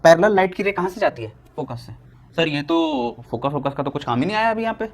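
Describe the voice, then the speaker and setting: A young Indian man teaching a physics lesson at a board, asking questions and answering them himself, slowing down to dictate definitions. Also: on the high side, expressive. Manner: asks students questions and answers them himself, repeating key points.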